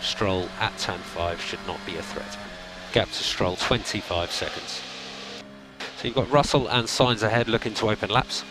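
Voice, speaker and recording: Race car radio voice: a low-voiced male engineer, calm and clipped, repeating each call, with loud engine noise around him. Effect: race car team radio. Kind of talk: team radio instructions to a driver.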